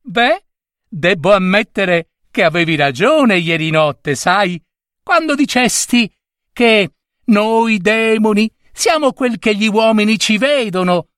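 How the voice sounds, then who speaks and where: A man doing a shrill, gloating squirrel demon. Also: animated, slow, fairly bright tone, dry recording, studio quality, full character voice. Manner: high, cackling, taunting. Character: mocking little male squirrel demon, gleeful trickster.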